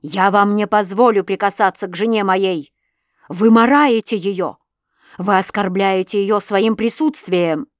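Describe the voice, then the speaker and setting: A woman reading an audiobook, voicing a jealous, stern husband who shouts sharp accusations. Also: mid-range voice, measured pace, dry recording, studio quality, lightly acted. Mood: furious. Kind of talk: audiobook reading of a classic novel.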